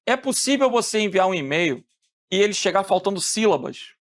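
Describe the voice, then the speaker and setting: Animated male teacher lecturing. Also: high voice, a little fast. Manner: animated, asks questions and answers them, acts out phone calls. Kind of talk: lively classroom lecture.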